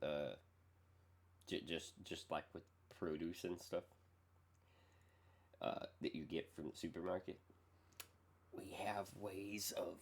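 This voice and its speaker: A man giving casual, rambling, halting reaction commentary as a streamer. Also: low voice, gravelly, husky.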